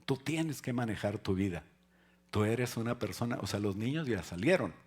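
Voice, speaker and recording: A male pastor delivering a conversational sermon. He jokes with the congregation and then drives his points home with loud, rising emphasis. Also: on the low side, animated, normal speed, husky.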